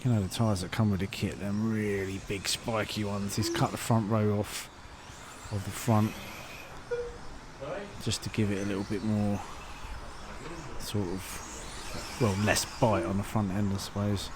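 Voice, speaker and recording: A man's voice: lowish voice, little pitch movement, measured pace. A man chatting casually as he films remote control car racing outdoors at a track, thinking aloud as he goes. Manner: chatty, informal, thinking aloud while filming. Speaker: RC channel host at a race track. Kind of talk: casual vlog commentary. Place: outdoor RC race track in the evening. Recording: noisy outdoor camera audio. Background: RC cars and track ambience.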